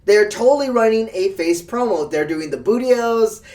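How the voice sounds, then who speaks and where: A man's voice: high voice, animated, moderate pace, darkish tone, recorded from a distance. A man co-hosting a casual wrestling podcast, giving emphatic opinions. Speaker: podcast co-host. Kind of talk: casual chat.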